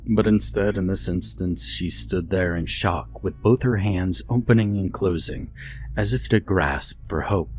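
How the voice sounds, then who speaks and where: A man reading a scripted horror story in a steady, measured storytelling voice. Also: sits low. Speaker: narrator. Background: faint background music.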